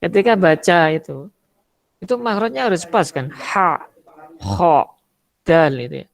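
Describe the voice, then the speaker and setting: A man's voice: a little high, animated, unhurried, gravelly. A man from Indonesia teaching an online Arabic rhetoric lesson in a conversational way, explaining with spoken examples. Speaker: religious teacher.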